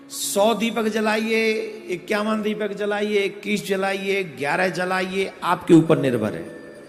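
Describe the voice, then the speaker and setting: A man preaching a devotional discourse, giving slow, step-by-step instruction. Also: high-pitched, gravelly. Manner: slow, instructive, chants a Sanskrit verse in a sing-song. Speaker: spiritual preacher. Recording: echoey hall with faint music behind.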